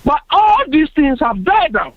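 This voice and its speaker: A man's voice: very high voice, sing-song, measured pace, no room sound. A Ghanaian man making his case on a radio panel discussion, earnest and emphatic, often repeating himself. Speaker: panel guest. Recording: dry tinny phone-like radio sound.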